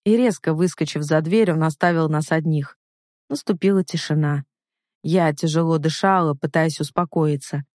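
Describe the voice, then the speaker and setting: A woman narrating an audiobook in the first person, telling the story in an expressive way. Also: low voice, normal speed, dry recording, clean studio sound.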